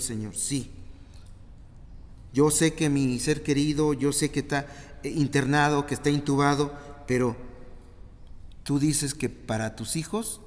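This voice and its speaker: A man with a Mexican Spanish accent preaching a sermon in a church, acting out the voices of Bible figures as he tells them. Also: medium pitch. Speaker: pastor. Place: church hall. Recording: reverberant church hall.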